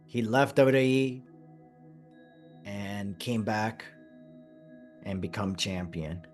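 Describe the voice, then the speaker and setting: A man hosting a wrestling podcast, chatting excitedly and stressing his points, his voice a bit hoarse. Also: lowish voice, slow pace, soft background music. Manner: excited, emphatic, repeats phrases. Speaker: podcast host. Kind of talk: casual podcast chat.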